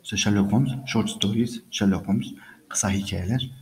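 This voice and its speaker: A man's voice: fairly low pitch, moderate pace, rough recording. A man teaching English by reading a story aloud and explaining each line patiently, repeating phrases and speaking to listeners as friends.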